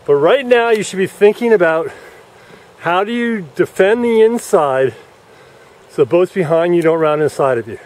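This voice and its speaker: A man's voice: sits high, lively intonation, moderate pace. A man giving live, coaching commentary on a sailing race from a dock outdoors, explaining rules as boats pass. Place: outdoors at a yacht club dock. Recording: faint wind noise outdoors.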